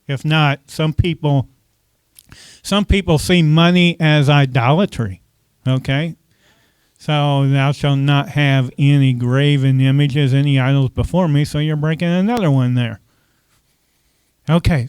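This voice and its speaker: A man with a fairly high, smooth voice, recorded with no room sound. He's a pastor giving a conversational sermon, often putting questions to the congregation and dropping "okay" between points.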